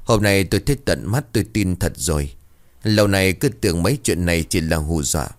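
A man's voice: low-pitched, expressive, brisk. A man voicing a remorseful older village man who speaks in a heavy, regretful way.

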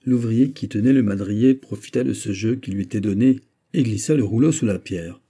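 Brief: man narrating a classic novel, dark and husky, low and steady. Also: fairly quick. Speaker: audiobook narrator.

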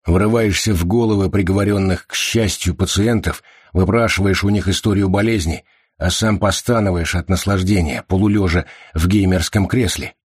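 A man's voice: deep voice, steady tone, normal speed, husky, dry recording, clean studio sound. A man voicing a blunt, sardonic male mental patient in an audiobook, cold and sarcastic. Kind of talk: audiobook character voice.

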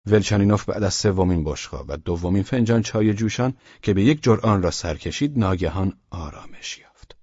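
A man narrating a novel as an audiobook, reading in a steady, measured way, in a dull lo-fi recording. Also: low-pitched, breathy edge, no echo.

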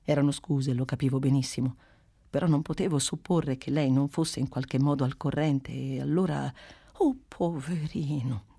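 A woman narrating a literary audiobook with a measured, expressive reading. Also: rumbling low, vocal fry, slightly rough. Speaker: audiobook reader.

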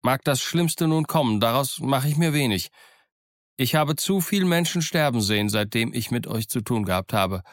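A man voicing a defiant, excited young cabin boy in an audiobook, speaking in a fervent, declamatory way. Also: medium pitch, normal speed, hardly any pauses, no echo, lightly acted. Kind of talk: audiobook character voice. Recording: dry close studio sound.

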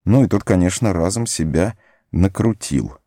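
Male audiobook narrator, very low and mellow, dry close recording, measured delivery. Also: expressive, no room sound. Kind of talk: storytelling narration.

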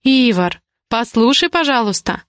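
A woman reading the lines of a defiant young woman, an indignant ward who argues with rapid questions. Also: a little high, expressive, a bit bright, dry recording, studio quality. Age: young adult.

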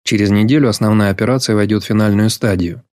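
A man reading a novel aloud as an audiobook narrator, in a measured, even storytelling manner. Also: fairly low pitch, no room sound, clean studio sound. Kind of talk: scripted literary narration.

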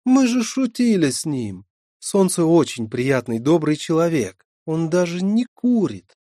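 A man's voice: on the high side, sing-song, mellow, no room sound, clean studio sound, pitched above the performer's own voice. A man reading an audiobook, voicing a teasing, carefree young hippie woman in a raised voice. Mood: pleading. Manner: teasing, quick and flippant.

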